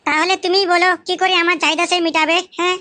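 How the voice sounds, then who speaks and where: A woman's voice: very high voice, flat delivery, fast talker, sharp tone, no echo. Woman doing a coaxing, flirty mother-in-law. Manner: coaxing, sweet-talking. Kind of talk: comic cartoon voice acting.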